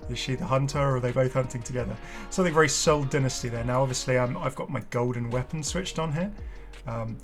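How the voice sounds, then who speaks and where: Over a music bed, a man with a medium-pitched voice talks at a quick pace while showing off a game. The commentary is relaxed, talkative and excited, often drifting into tangents.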